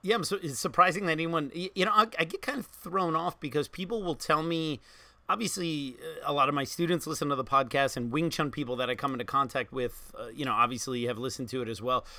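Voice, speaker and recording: A man's voice: fairly high pitch, quick pace, pushed and bright, dry recording. A man co-hosting a podcast in casual, talkative, teasing conversation. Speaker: podcast co-host, martial arts teacher.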